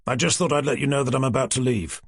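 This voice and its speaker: A man's voice: mid-range voice, fairly even intonation, fast, breathy edge, dry recording. A man voicing a stubborn, fearless police detective who speaks in a dry, matter-of-fact way.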